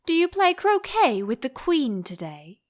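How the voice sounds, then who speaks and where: A woman voicing a grinning, teasing, calmly mad cat in a storybook, with slow, cryptic delivery. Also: high-pitched, voice pushed up. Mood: nonchalant, curious.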